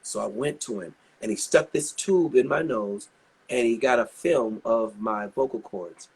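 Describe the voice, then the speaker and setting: A man's voice: medium pitch, a little slow, vocal fry, slightly rough. A man in his sixties, a singer being interviewed, telling long chatty stories full of asides. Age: 60s. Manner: chatty, rambling anecdotes with many asides. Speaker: guest singer. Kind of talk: casual interview storytelling.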